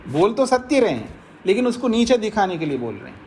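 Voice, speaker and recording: A male swami from India delivers a scripture discourse in a lively, rising and falling voice. He drives each point home through repetition and everyday examples, with a faint hum of room ambience behind him. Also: sits high, brisk. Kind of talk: spiritual discourse.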